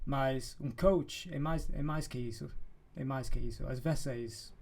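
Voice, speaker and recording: A man in his thirties with an English accent from Manchester, a native English speaker talking in Portuguese as a podcast guest. He speaks slowly in a dark, mellow voice, pausing to search for words and slipping in English fillers. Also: mid-range voice, fairly even intonation, gravelly. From England, Manchester. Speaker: guest, life and business coach. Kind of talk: casual podcast interview. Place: podcast studio in a farm-like setting.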